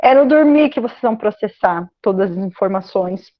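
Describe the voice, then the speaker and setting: A Brazilian woman psychologist giving a relaxed career guidance talk to students, often ending phrases with a questioning "né?". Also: mid-range voice, normal speed, lo-fi sound. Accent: Brazilian Portuguese. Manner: conversational, frequent "né?" tag questions.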